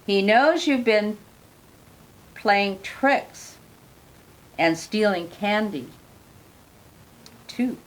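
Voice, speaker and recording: An older woman voicing a small male Christmas elf who gently but firmly instructs in a storybook reading. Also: medium pitch, expressive, drawn-out words, long pauses, low-quality recording. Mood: instructive.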